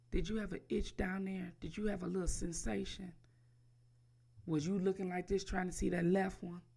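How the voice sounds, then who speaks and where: Gravelly woman ranting a crude roast. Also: deep voice, mellow. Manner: taunting, crude, repeats the target's name. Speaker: livestream roaster. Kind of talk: profane mocking roast rant.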